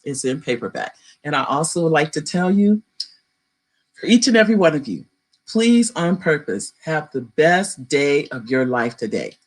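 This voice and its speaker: A woman's voice: deep voice, very animated, normal speed. A woman hosting a talk show, effusive and gracious as she thanks her guest and her viewers.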